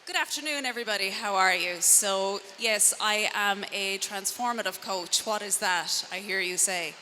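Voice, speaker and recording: A woman's voice: mid-range voice, normal speed, sharp tone. A middle-aged woman with a west of Ireland accent gives a conversational motivational talk to a live audience, using rhetorical questions and wry asides about herself. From Connemara, Galway, west of Ireland. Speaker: transformative coach and speaker. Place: indoor event room before an audience. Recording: reverberant hall, clear background noise.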